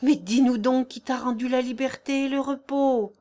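A woman's voice: high-pitched, steady tone, normal speed, dark tone, close to an everyday voice. A woman reading the part of a kind, pious young girl in an audiobook, in an earnest, tender manner.

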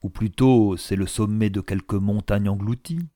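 A man reading the part of a calm, composed older aristocratic count in an audiobook. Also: on the low side, normal speed, dry recording, studio quality, close to an everyday voice.

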